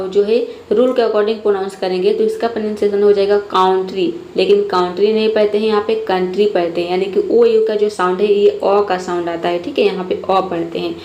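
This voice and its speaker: A woman's voice: mid-range voice, mellow. Female phonics teacher; patient and methodical, room echo, faint hiss. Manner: patient, methodical, repeats "ठीक है" often. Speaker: English teacher. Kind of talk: phonics lesson explaining rules step by step. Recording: echoey room, faint noise.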